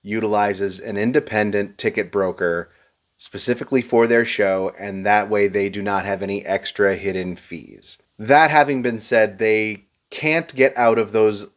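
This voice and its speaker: A man reviewing a show to camera, explaining prices and seating in a steady, advice-giving way with a touch of dry sarcasm. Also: on the low side, measured pace.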